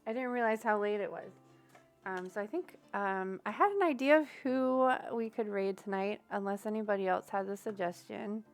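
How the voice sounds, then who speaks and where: Faint music plays as a young woman chats casually on her livestream, giving tarot readings to viewers and thinking aloud with lots of fillers. Her mid-range voice moves at a moderate pace.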